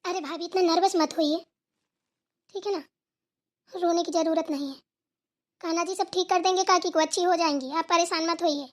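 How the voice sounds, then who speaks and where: A woman's voice: very high voice, steady tone, normal speed, long pauses. A woman voicing a polite, reassuring young girl in a village cartoon. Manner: soothing, polite. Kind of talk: cartoon voice acting.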